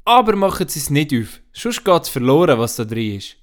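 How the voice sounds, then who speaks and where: A man voicing an eager little girl in a children's story, with a high, bright way of talking. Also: sing-song, moderate pace. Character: cheerful little village girl.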